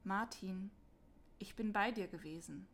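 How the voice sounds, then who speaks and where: A hushed, gentle divine voice speaking softly into a listener's ear, as a woman reading a storybook puts it on. It is calm and unhurried, quiet enough to seem almost a whisper. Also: medium pitch.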